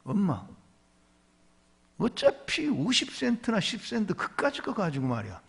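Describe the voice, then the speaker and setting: A man voicing a clever young boy who calmly reassures his mother in a sermon story. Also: sits high, unhurried, gravelly, husky, full character voice. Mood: calm reassuring.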